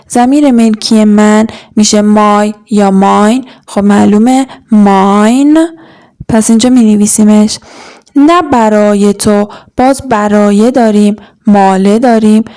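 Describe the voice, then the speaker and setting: A young woman teaching English grammar, explaining and modeling example sentences slowly and deliberately. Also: medium pitch, warm tone. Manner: slow, deliberate, stretching out words.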